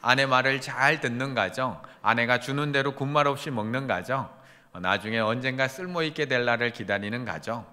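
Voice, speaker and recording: A man's voice: mid-range voice, brisk, sharp tone. A man preaching a Sunday sermon as pastor, earnest, building emphasis as he goes. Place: church sanctuary. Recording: reverberant church sanctuary.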